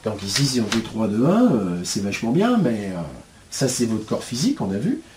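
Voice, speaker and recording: A man teaching spiritual ideas in a loose, colloquial way. His pitch swings widely as he talks, and he throws in blunt slang and constant little asides. He sounds like he is explaining things at a board. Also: sing-song, normal speed, a little mellow.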